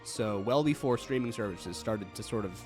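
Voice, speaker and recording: A man's voice: fairly low pitch, moderate pace, music in the background. A young man hosting a let's play, chatting casually with lots of fillers and easy laughs. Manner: rambling, filler-heavy, laughs easily. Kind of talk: casual gaming commentary.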